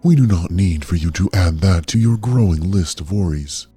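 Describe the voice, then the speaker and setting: An actor playing a calm, coldly polite AI caretaker, a gentle care robot that speaks in a soothing, measured, clinical way. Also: male voice, deep voice, breathy edge, soft background music. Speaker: AI overseer of a medical trial. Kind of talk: audio drama narration.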